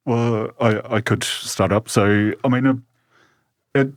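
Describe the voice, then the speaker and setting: A man with a Kiwi accent from New Zealand tells stories casually as an interview guest, halting and repeating words as he goes. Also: on the low side, steady tone, dry recording, clean studio sound. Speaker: brewery co-founder, guest.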